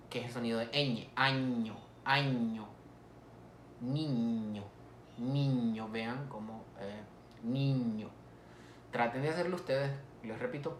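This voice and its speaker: Male language teacher, mid pitch, drills example words slowly, recorded in an echoey room. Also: a little hiss or hum. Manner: slow, repeats example words for students to copy. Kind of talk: phonetics lesson.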